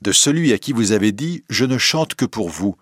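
A man with a low, husky voice reading the lines of a young nobleman in love, speaking insistently. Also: lively intonation, normal speed, a bit bright, dry recording, studio quality. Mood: impassioned.

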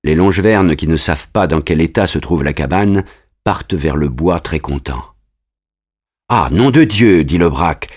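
A man reading a story aloud in calm, measured narration. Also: rumbling low. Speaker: audiobook narrator. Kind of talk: scripted narration.

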